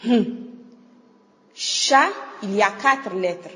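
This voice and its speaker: A woman co-presenting a scripted radio lesson, reading her lines in a slow, measured way. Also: medium pitch, fairly bright tone. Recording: reverberant hall sound.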